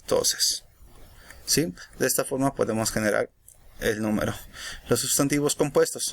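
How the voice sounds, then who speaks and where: Man, teacher, recorded grammar lesson, measured explanatory delivery, middle pitch. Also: vocal fry.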